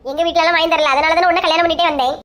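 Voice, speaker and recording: A woman's voice: extremely high pitch, fairly even intonation, racing, fairly bright tone. A woman playing a greedy young wife with a Kanyakumari Tamil accent, whining insistently for groceries. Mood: whiny insistent. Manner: whiny, insistent. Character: greedy childish young wife demanding treats.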